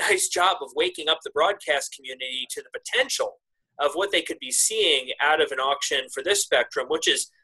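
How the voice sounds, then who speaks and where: A man in his thirties, an industry analyst, answering questions in a remote video interview from his office, measured with frequent restarts and emphatic pitch rises. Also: pushed and bright, husky, poor audio. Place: office with wooden cabinets. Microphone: webcam video call.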